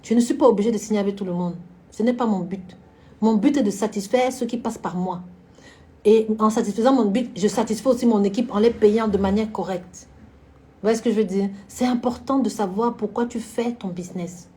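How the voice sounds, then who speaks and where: A woman's voice: mid-range voice, brisk, mellow. A woman hosting a casual live stream, chatting frankly about business and answering viewers by name, often laughing. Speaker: florist and event decorator hosting a live stream.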